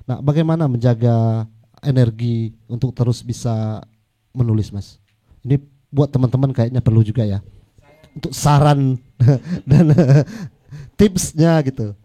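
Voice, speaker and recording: A man's voice: mid-range voice, a little slow, mellow. A man moderating a live book talk, coaxing the audience to ask questions and hesitating with fillers.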